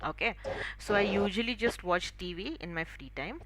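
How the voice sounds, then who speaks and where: A woman with a Marathi-tinged Indian accent teaching English in an online class, explaining phrases and pronunciation briskly. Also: mid-range voice, expressive, background noise.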